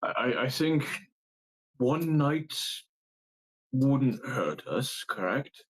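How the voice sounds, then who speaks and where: A man playing an earnest, cautious adventurer in a tabletop game, speaking formally and haltingly. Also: medium pitch, animated, slightly rough, heavily acted, rough recording.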